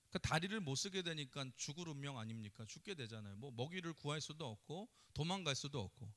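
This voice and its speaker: A male pastor preaching a sermon, animated, acting out the dialogue of a story for his congregation. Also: medium pitch. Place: church sanctuary.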